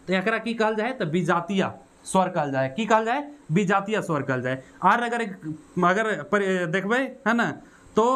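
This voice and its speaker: A man with a Khortha accent, his voice sitting fairly high for a man, teaches an exam-prep grammar lesson over slides. He explains step by step, poses questions and answers them himself, and keeps checking in with his listeners. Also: a bit bright. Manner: explains step by step, asks and answers own questions, frequent "है ना" and "ठीक है".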